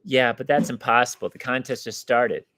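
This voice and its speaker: A man's voice: medium pitch, fairly even intonation, normal speed, a bit bright, dry recording, lightly acted. A man reading as a grumbling younger boy. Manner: grumbling, blunt.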